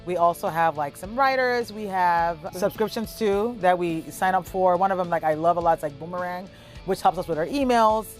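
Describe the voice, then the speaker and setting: A woman in her thirties from Cameroon, a travel blogger telling her family's story in a relaxed, chatty way with plenty of fillers. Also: fairly low pitch, moderate pace, faint music behind. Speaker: travel blogger and content creator. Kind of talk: documentary interview.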